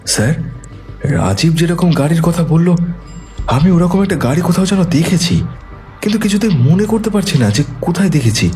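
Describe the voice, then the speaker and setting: A man plays a junior police officer who speaks to his boss respectfully but sounds unsure of himself. His voice is fairly high and mellow, and it moves up and down a lot. Soft music plays under the scene. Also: lively intonation, normal speed, close to an everyday voice. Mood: uncertain. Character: young male police officer, the detective's assistant.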